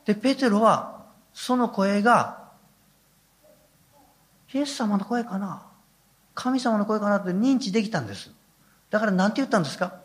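High, lively older preacher. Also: male voice, normal speed, long pauses. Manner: folksy, humorous storytelling. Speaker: pastor. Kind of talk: sermon.

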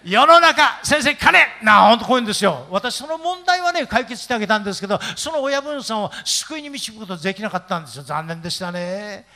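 An older man preaching in a church, with a high, bright, forceful voice. His pitch swings widely as he tells stories and acts out the people in them. He laughs often. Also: very animated, quick pace, few pauses. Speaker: pastor. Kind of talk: sermon with storytelling.

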